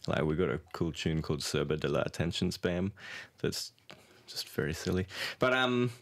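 Very deep-voiced laughing musician. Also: male voice, lively intonation, normal speed. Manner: laughs often, loose and jokey. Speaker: band member, interview guest. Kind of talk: casual interview chat.

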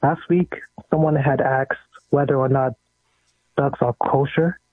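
A man's voice: medium pitch, steady tone, a little slow, breathy edge, no echo. A male caller on a radio show, politely putting a careful question to the host over a phone line. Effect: phone line call-in voice.

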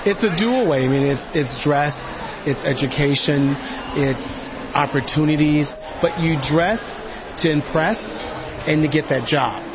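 A man's voice: fairly high pitch, a little slow, highs cut off, crowd noise, background noise. A man who founded a community project answers interview questions in an earnest, emphatic way.

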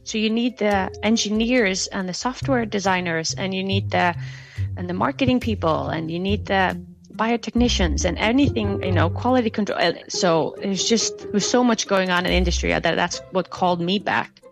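A woman's voice: mid-range voice, moderate pace, creaky, music in the background. A woman from Iceland speaking casually in an interview clip, listing things as she talks. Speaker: interviewee, business head.

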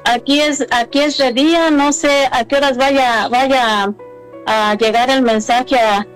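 A woman giving a religious testimony, a little nervous, talking haltingly with many restarts and fillers. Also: sits high, steady tone, faint music behind, rough recording. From Mexico.

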